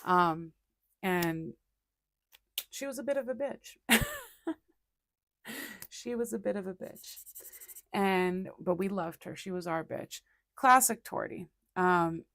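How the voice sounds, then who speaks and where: Gravelly-voiced woman chatting as she draws. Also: fairly low pitch, slow, long pauses, fairly bright tone, no echo, clean studio sound. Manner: rambling storyteller with many fillers and restarts. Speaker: art livestream host. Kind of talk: casual chat while drawing.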